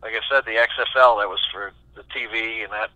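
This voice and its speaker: Man with a sharp, forceful voice. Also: on the low side, quick pace, dry recording, highs cut off. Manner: animated, acts out quoted voices, many restarts. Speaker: session guitarist, interview guest. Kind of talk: storytelling interview answers.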